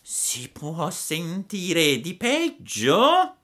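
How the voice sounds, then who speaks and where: A man voicing a sly, fawning fox swindler who speaks slowly in a drawn-out, mock-sorrowful way. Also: on the high side, wildly swooping pitch, bright, forceful tone, pitched above the performer's own voice, heavily acted.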